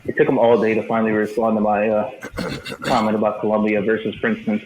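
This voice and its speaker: A man's voice: lowish voice, monotone, fast. A man joking and teasing as a guest in a casual podcast chat. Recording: dull roomy noisy call audio.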